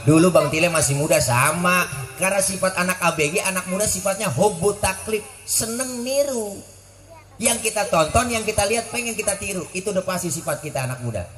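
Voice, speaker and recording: A man's voice: high voice, fairly quick, reverberant, faint music behind. A man preaching a comedic sermon to young people, teasing and joking as he tells stories. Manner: joking, teasing, lively storytelling. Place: community religious gathering. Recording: noisy live event with crowd laughter.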